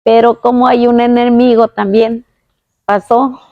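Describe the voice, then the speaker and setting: A woman telling a personal faith testimony, earnest and halting, with many restarts. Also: on the high side, little pitch movement, no echo, lo-fi sound. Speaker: guest giving a testimony.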